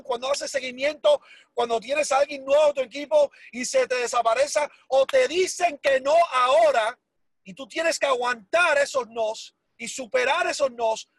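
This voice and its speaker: A man's voice: extremely high pitch, dry recording. A man giving an emotional, emphatic motivational speech, repeating words for force and dropping English phrases into his talk. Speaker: motivational speaker for a sales business.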